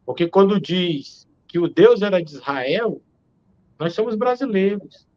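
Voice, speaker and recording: A man's voice: sits high, lively intonation, a little slow, a little mellow, dull audio. A Brazilian man in his forties, a theologian on a live-stream video call, arguing emphatically and asking rhetorical questions. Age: 40s. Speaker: theologian guest.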